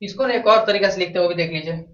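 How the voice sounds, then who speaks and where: Racing along in a high, fairly bright voice, a man gives a math lesson at the board, repeating questions to the class and then answering them himself. The echoey classroom is recorded from a distance with dull, lo-fi sound.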